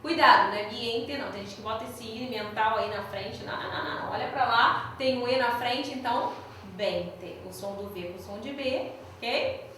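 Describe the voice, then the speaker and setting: A Brazilian woman teaching a class, explaining patiently and drilling pronunciation slowly. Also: fairly high pitch, a bit bright, slight background noise. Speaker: Spanish teacher. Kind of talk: recorded online class. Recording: very echoey room, mic at a distance.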